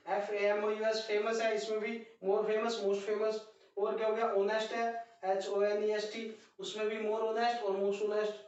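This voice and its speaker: Male grammar teacher who spells words out letter by letter and talks to the class as children. Heard from a distance in a booming, echoey classroom. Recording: very echoey, distant, dull lo-fi sound.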